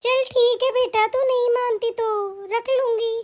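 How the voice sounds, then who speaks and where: A woman voicing a gentle, humble elderly aunt in an animated story, speaking softly and modestly. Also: very high-pitched, measured pace. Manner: soft, modest, affectionate.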